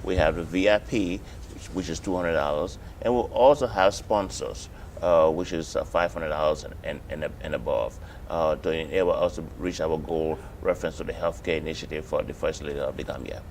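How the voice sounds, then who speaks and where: A man from Liberia speaking as a guest on a TV interview, halting with many fillers and repeats. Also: a bass voice, darkish tone, a little hiss or hum. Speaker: guest, coalition organizer.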